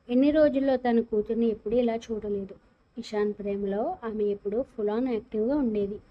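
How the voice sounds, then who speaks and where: Woman storyteller, dark mellow voice, slightly muffled lo-fi recording, reads all parts herself. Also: on the high side. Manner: reads all characters in her own voice with small shifts. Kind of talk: dramatic story narration.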